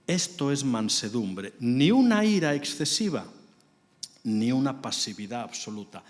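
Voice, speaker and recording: Man, sermon, emphatic, whisper-to-loud swings, long church-hall reverb. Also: medium pitch, very animated, a little slow. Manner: storytelling, swings from hushed whispers to raised emphatic lines. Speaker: preacher.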